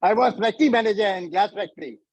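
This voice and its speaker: A man's voice: sits high, fast, creaky, darkish tone, no room sound, poor audio. A man in his seventies from Myanmar on a group video call, talking in an effusive, formal and grateful way. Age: 70s. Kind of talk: casual chat.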